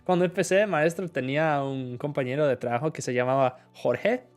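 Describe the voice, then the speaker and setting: A man's voice: on the high side, brisk. A male teacher answering viewer questions in a live lesson, switching between Spanish explanations and examples. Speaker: English teacher.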